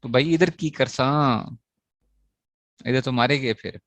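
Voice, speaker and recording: At a slow pace, a man with a mid-range voice lectures students on Arabic grammar, raising questions he then answers and restating the key ideas. The recording is dry.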